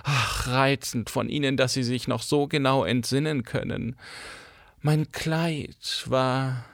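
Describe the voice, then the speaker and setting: A man's voice: mid-range voice, fairly even intonation, slow, creaky, a bit bright, no room sound, clean studio sound, pitched above the performer's own voice. A man voicing a melodramatic former stage actress who declaims in a grandiose, self-pitying way in an audiobook. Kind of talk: audiobook character voice.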